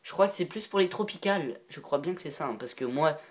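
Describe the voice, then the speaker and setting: A man's voice: a little high, expressive, quick pace, a little hiss or hum. A man making a casual show-and-tell vlog about reptile lamps. He rambles, giggles often and admits when he is unsure. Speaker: reptile-keeping video maker.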